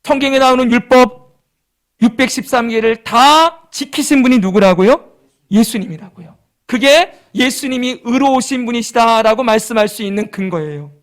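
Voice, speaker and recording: A man's voice: very high voice, normal speed. A male pastor preaching a sermon, asking the congregation questions and leading call-and-response.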